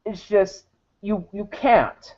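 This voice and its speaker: A woman talks slowly and bluntly over a video she is reacting to, breaking in with quick retorts. Her voice sits at a middle pitch. The audio is tinny and thin, as if it came over a phone line. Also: darkish tone. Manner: blunt, interrupts the clip with retorts. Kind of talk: casual commentary reacting to a video.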